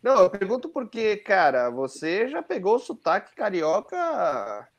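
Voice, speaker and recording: A man's voice: sits high, wildly swooping pitch, a little slow, a crowd in the background. A man chatting casually as a panelist, putting questions to a guest. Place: indoor room on a video call. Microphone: video call microphone.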